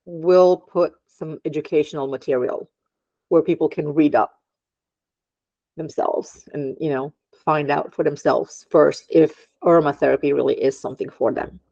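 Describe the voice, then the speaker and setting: Lady with a low voice, lots of ums, a bit muffled. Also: fairly even intonation, moderate pace, creaky, mellow, no room sound. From Germany. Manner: hesitant, many ums, laughs often. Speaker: podcast guest, aromatherapist. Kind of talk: casual interview chat.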